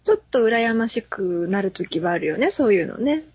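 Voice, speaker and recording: Playful woman with a husky voice. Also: medium pitch, very animated, normal speed, no room sound. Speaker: podcast co-host. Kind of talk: casual podcast chat. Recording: dull lo-fi podcast audio.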